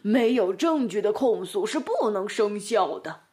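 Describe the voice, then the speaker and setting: A woman's voice: mid-range voice, animated, a little slow, warm tone, lightly acted. A woman voicing a male badger courtier who argues earnestly and firmly.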